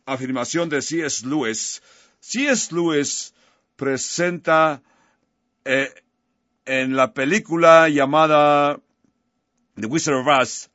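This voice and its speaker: Man preaching a sermon, slow, dry slightly dull recording. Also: on the high side, a bit bright, dry recording. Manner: storytelling, closing in prayer.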